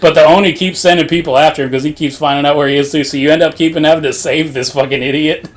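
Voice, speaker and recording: A man's voice: fairly high pitch, steady tone, quick pace. A man casually recapping a video game story, rambling with lots of swearing and frequent laughter. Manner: rambling, profane, laughs often. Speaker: podcast co-host.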